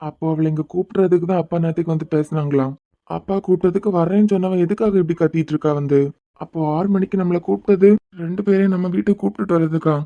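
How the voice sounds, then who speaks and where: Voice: mid-range voice, steady tone, mellow, dry recording, dull audio, natural voice. A voice actor playing a bewildered young husband in a cartoon, pleading with his crying wife. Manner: confused, pleading, quick-talking.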